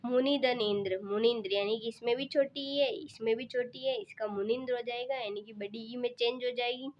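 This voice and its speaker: A woman's voice: steady tone, normal speed. A woman teaching a grammar lesson for exam preparation, explaining each step patiently and repeating herself. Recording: muffled low-fidelity recording.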